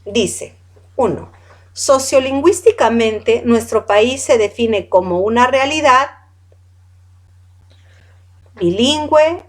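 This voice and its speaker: A woman's voice: a little high, expressive, takes it slowly, pauses often. A woman teaching a class, reading out long lists of words one by one, correcting how they are said and asking the students questions. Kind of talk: classroom lecture.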